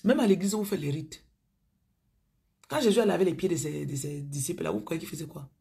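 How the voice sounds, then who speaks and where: A woman's voice: deep voice, a little fast, gravelly, mellow, breathy edge. A woman with a Cameroonian accent preaching on a live stream, chatting with viewers by name and often dropping into murmurs and whispers. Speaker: spiritual coach on a live stream. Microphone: phone.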